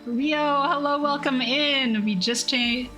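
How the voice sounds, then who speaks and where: A woman with a bright, forward voice reads a story aloud on a cozy stream. She breaks off into chatty, self-deprecating asides to her viewers. Soft music plays in the background. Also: high voice, slow, poor audio. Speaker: streamer reading a book aloud. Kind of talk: casual reading stream.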